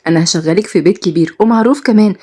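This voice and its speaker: A woman with an Egyptian accent voicing a loyal, brisk young best friend who scolds and reassures. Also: on the low side, dark tone, slightly rough. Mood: scolding.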